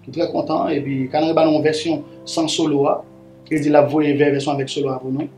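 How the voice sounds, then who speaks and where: A man speaks with a tinge, his voice sitting a little high. He tells a story casually, looping back with repeated words and "là" fillers. The room echoes and faint music plays under him. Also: level tone, fast talker, darkish tone. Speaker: guest musician.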